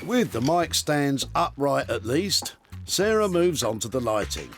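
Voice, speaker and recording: Here the upcycling show's narrator delivers his scripted TV voice-over in a medium-pitched, very animated voice, never rushing. He slips in wry, teasing asides, with music in the background.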